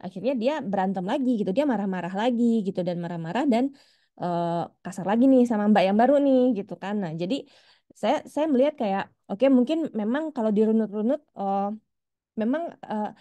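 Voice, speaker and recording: A woman's voice: medium pitch, fairly quick, warm tone, no room sound. A woman in her thirties, a parent asking a question on an online parenting session, talking in a rambling, hesitant way with many restarts. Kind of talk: casual spoken question on a call.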